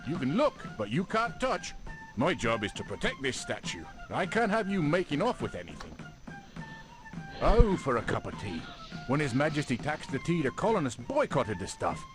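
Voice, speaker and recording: A proud British redcoat officer from an old educational adventure game, blustering about his tea. His voice swoops wildly up and down and is full of period exclamations. Game music plays clearly behind him. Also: fairly high pitch, wildly swooping pitch, moderate pace. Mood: grumbling. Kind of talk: 1990s educational game voice acting.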